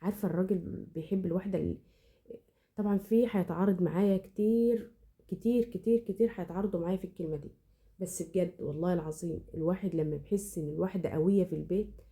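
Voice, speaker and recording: A woman's voice: fairly low pitch, rapid-fire, dark tone. A woman with an Egyptian accent giving earnest, heartfelt advice to viewers in a home vlog, often restarting and swearing oaths as she talks. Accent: Egyptian Arabic. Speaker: home cooking channel host.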